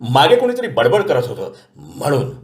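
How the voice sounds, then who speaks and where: A man's voice: mid-range voice, wildly swooping pitch, moderate pace, echoey room, voice pushed up. A man voicing a harried middle-aged office manager who talks in a businesslike way, mixing in English phrases.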